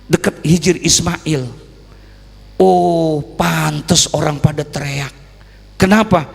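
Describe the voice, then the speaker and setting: A high-voiced man preaches a sermon. He is a lively storyteller who rises into loud sung calls and then drops to quiet asides. The hall around him rings with a long reverb. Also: slow pace, vocal fry, breathy edge. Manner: folksy Jakarta colloquial speech. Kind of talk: Islamic sermon.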